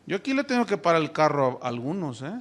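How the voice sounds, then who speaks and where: Pastor guy preaching, high voice, keeps throwing questions at the church, lively. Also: fast. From Mexico. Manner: animated preaching with rhetorical questions to the congregation. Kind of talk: sermon.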